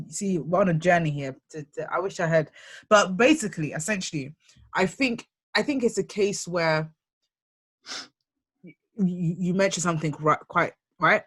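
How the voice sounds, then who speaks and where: A young woman co-hosting a candid discussion podcast, talking in halting bursts with many restarts as she searches for words. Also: fairly low pitch, slightly rough. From United Kingdom. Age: young adult. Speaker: podcast co-host.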